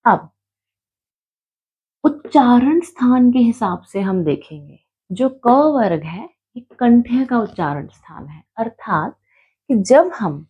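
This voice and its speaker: A woman with a breathy-edged mid-range voice, heard through phone-quality audio, walks students through Hindi grammar. Patiently she voices letters one by one, addresses them as "beta" and checks in with "theek hai".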